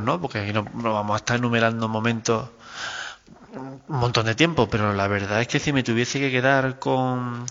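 A man, recording a voice message for a podcast in a measured, musing way. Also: medium pitch, fairly bright tone. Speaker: listener sending an audio message. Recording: dull, reverberant lo-fi audio.

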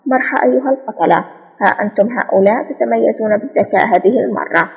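A woman's voice: medium pitch, fairly even intonation, fast, creaky, husky, in a large hall, highs cut off. A woman reading the lines of a cool, sarcastic male secret agent in an audiobook. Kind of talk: audiobook spy novel reading.

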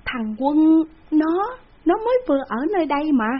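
A woman's voice: a little high, lively intonation, moderate pace, husky. A woman voicing an older rich village landlord who is flustered and stammers. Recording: dull lo-fi recording.

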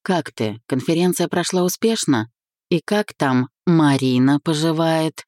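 A woman's voice: low voice, measured pace, a little mellow, no echo, clean studio sound. A woman reading a cold, sarcastic young man. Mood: cutting. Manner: sarcastic, cutting. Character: young man, first-person hero, cold and accusing.

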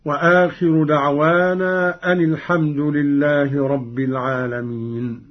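Slow, measured man teaching recitation. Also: fairly high pitch, fairly even intonation, lo-fi sound. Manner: measured, demonstrates readings by reciting examples. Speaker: Quran reading teacher. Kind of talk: explanatory lesson on recitation variants.

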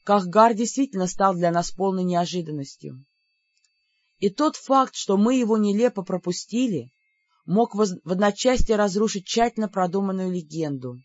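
Audiobook narrator, even measured fantasy reading, dry close sound, slightly dull recording. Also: mid-range voice, no room sound. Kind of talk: scripted fantasy novel narration.

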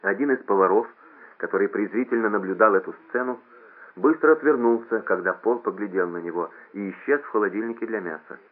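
Low-voiced man reading a novel aloud. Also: fairly quick. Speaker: audiobook reader. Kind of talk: scripted narration. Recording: lo-fi phone-like audio.

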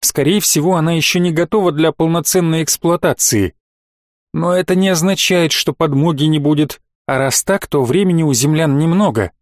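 A man's voice: fairly high pitch, normal speed, no echo, studio quality, close to an everyday voice. A man reading the part of a stern male space fleet commander who gives curt, barked orders. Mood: calculating.

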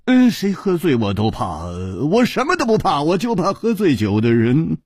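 一位男评书演员在演一位潇洒的年轻侠客，语气宽容又带点苦笑。. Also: male voice, on the high side, wildly swooping pitch, normal speed, slightly rough, dry recording, studio quality, pitched above the performer's own voice, exaggerated voice. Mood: indulgent. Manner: wry, indulgent.

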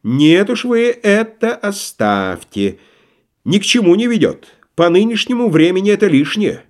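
A man's voice: sits high, big pitch swings, unhurried, voice pushed up. A man voicing a wily, stubborn merchant who talks in a folksy, obsequious way, in an audiobook play reading. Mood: wheedling stubborn. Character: wily, stubborn middle-aged male merchant.

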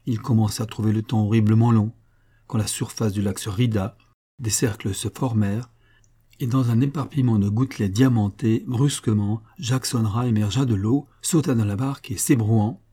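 A man narrating a classic short story in a calm, even storytelling manner. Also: lowish voice, moderate pace, husky. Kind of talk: scripted audiobook narration.

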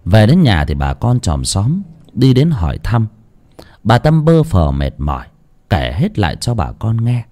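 A man narrating a ghost story with dramatic, lively storytelling. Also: fairly low pitch, measured pace. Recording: music under the voice.

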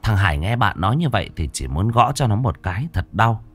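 A man narrating a ghost story in a dramatic, expressive way. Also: fairly low pitch, a little fast. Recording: faint background music.

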